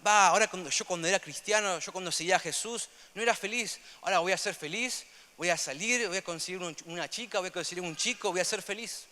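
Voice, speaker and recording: Young man, Rioplatense accent, preaching; high, sharp voice with a long reverb tail. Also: fast, hardly any pauses. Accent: Rioplatense Spanish. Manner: earnest, repetitive, swings between loud emphasis and soft asides. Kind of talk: sermon.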